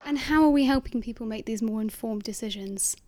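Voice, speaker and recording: A woman hosting, asking her guests smooth, scripted questions. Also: a little high, a little fast, mellow, no echo, clean studio sound. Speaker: host. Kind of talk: interview questions.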